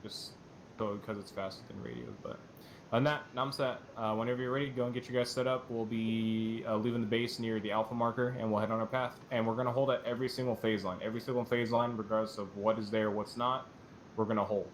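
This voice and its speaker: A man's voice: steady tone, fast talker, poor audio. A man giving a tactical briefing to his squad over game voice chat. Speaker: player leading a squad in a military sim. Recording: rumbly game voice chat, faint noise.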